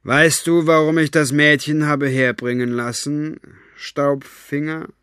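A man's voice: fairly high pitch, steady tone, unhurried, a bit bright, clean tone, no echo, pitched above the performer's own voice. Male reader as cold villain boss, silky taunts, menacing, storybook audiobook, dry close sound. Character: cold mocking male villain leader, adult. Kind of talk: audiobook character voice.

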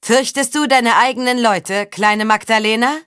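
A woman reading the part of a mocking, scheming middle-aged knight in an audiobook, speaking slowly and drawing out words. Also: mid-range voice, very animated, a bit bright, no room sound, studio quality. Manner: mocking, drawn-out delivery.

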